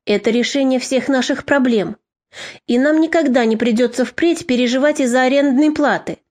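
A woman's voice: high-pitched, normal speed, a little mellow, lightly acted. Woman reader doing a bitter mother, snapping and curt. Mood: harsh. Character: bitter harsh mother, middle-aged woman.

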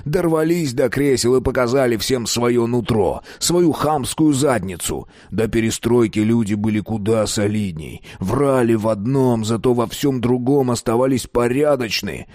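A man's voice: medium pitch, normal speed, few pauses, a little mellow, no room sound, clean studio sound, close to an everyday voice. A man voicing a bitter grey-haired official. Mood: bitter ranting. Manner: cynical, irritable, ranting.

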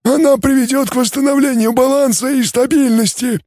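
A man's voice: very high-pitched, steady tone, a little fast, a little mellow, dry recording, clean studio sound, voice pushed up. A man voicing a cold, calculating male alien scholar who speaks in a formal, gurgling way. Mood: coolly logical.

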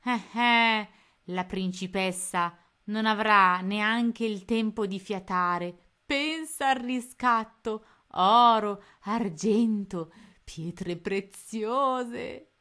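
A woman voicing rough male rat pirates in a read-aloud storybook, sneering and menacing. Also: medium pitch, extremely slow, sharp tone, voice pushed up. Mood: scheming.

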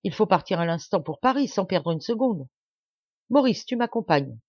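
A woman's voice: medium pitch, lively intonation, very slow, warm tone, breathy edge, dry recording, muffled recording, pitched above the performer's own voice, full character voice. A woman reader voicing a desperate, resolute middle-aged noblewoman who gives impassioned orders. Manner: impassioned, commanding exclamations.

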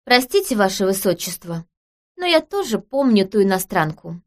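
A woman reading an audiobook, voicing a calm, earnest young woman who speaks in a serious, matter-of-fact way. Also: medium pitch, moderate pace, close to an everyday voice.

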